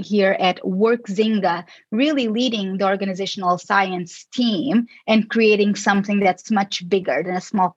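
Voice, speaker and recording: A woman's voice: mid-range voice, no echo, highs cut off. A woman from Portugal, a guest in a casual interview who answers thoughtfully and often restarts her sentences. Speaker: guest, psychologist.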